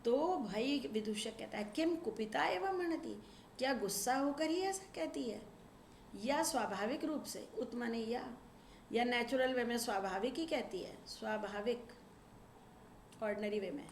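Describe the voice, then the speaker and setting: A woman teaching a Sanskrit lesson, reading verses slowly and explaining them line by line in Hindi. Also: on the high side. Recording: echoey room with faint ambient noise.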